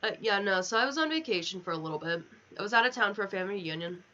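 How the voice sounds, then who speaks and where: Very fast, bright and forceful, a woman's expressive medium-pitched voice fills a casual gaming livestream. She chats in a rambling, affectionate way into a sensitive headset mic. The sound is dull and lo-fi, typical of a headset.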